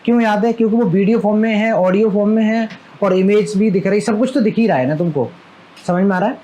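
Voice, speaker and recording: A man's voice: high voice, fast talker, mellow, rough recording. A male maths teacher giving a live classroom lecture, chatty and fondly scolding, who keeps asking his students questions.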